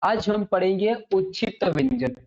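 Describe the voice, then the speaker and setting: A woman teaching a Hindi grammar lesson to students. She often checks in with "ठीक है?" and slows right down to spell out sounds and definitions. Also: medium pitch, darkish tone. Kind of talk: online classroom lesson. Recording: slightly dull lo-fi audio.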